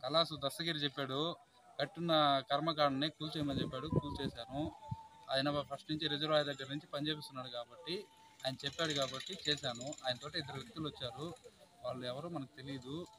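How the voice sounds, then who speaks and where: Fast-talking man with a crowd behind. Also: a little high, very animated, rough recording. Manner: quick, defensive, repetitive. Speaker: worker explaining his actions. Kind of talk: explaining to a crowd.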